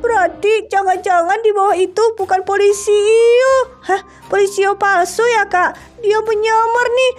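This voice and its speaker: A woman hosting and voicing a game roleplay in an excitable, exclaiming way. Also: extremely high pitch, unhurried, faint music behind. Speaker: narrator and channel host.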